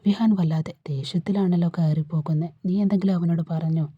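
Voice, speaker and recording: A woman's voice: lowish voice, steady tone, quick pace, mellow, breathy edge, no echo, highs cut off. A woman voicing a worried older housewoman.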